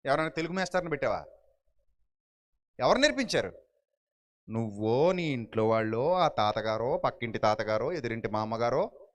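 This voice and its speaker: A middle-aged male preacher, giving a lively sermon full of rhetorical questions and acted-out voices. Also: high voice. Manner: animated, rhetorical questions, acts out frightened voices.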